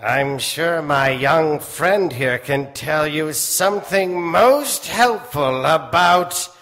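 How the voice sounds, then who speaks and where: An actor playing a macabre doctor who hosts and narrates old-time radio horror, in a theatrical, ominous manner. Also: male voice, a little high, slow pace, fairly bright tone. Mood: slyly courteous. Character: macabre, leisurely male doctor telling eerie tales. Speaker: host and narrator. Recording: echoey theater stage, organ music behind. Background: organ music.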